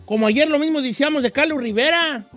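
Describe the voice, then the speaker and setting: High bright joking man. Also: fast, soft background music. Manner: playful teasing, Mexican-American slang. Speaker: radio show host. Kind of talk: joking casual chat.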